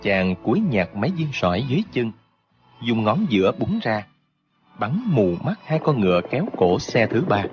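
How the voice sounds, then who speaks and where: Low-voiced male audiobook narrator. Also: sing-song, moderate pace, dull audio, a little hiss or hum. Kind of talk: scripted narration of a martial arts novel.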